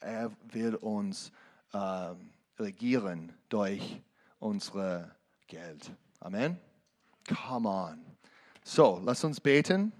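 Slow-speaking preacher, halting German. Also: male voice, fairly low pitch, expressive. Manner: halting non-native German, emphatic. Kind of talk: preaching with a testimony.

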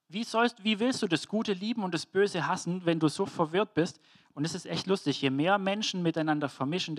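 A man with a German accent preaching a sermon on scripture, earnest and emphatic, asking rhetorical questions. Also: a little high.

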